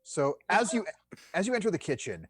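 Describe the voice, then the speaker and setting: A man's voice: high voice, wildly swooping pitch, brisk, breathy edge, dry recording. A man running a tabletop game as game master, describing scenes vividly.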